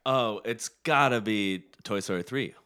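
A man's voice: lowish voice, unhurried, sharp tone. A man in a casual comedic chat, dropping dry, brief interjections.

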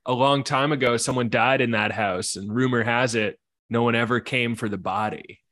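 A man's voice: mid-range voice, normal speed, fairly bright tone, no echo, voice pushed down, close to an everyday voice. A man voicing a teasing neighborhood kid who dares others, in an improv comedy scene. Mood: scheming.

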